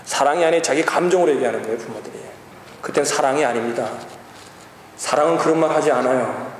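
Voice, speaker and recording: A man in his forties preaching a sermon to a congregation, emphatic, addressing them often and swinging from loud exclamations to low asides. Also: fast talker, a little hiss or hum. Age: 40s. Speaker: pastor. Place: large church hall. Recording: echoey hall, long reverb.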